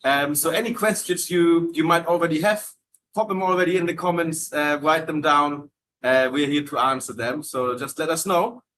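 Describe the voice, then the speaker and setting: A German man's slightly high, fairly bright voice comes through a low-quality recording with a little hiss or hum as he hosts a casual live Q&A about hotel entertainment jobs. Speaking at normal speed, he's friendly and filler-heavy, restarting sentences and repeating words while reading comments.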